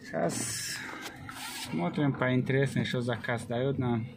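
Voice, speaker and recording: Slow-paced man, noisy recording. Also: medium pitch, vocal fry. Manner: short, clipped phrases. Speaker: delivery courier vlogger. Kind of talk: casual running commentary while working.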